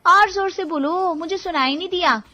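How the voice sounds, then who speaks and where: Sassy, bossy young wife, high voice, dull muffled audio. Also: female voice, moderate pace, pushed and bright, faint music behind. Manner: sassy, demanding. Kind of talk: cartoon voice acting.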